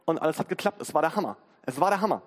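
A man's voice: a little high, animated, rapid-fire. A man in his twenties preaching a sermon in a casual, slangy way, acting out inner voices, recorded in a church hall. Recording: long hall reverb.

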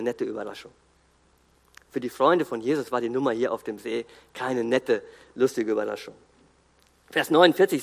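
A man giving an earnest, emphatic sermon, pausing and restarting as he speaks. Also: on the high side, in a large hall. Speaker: guest preacher.

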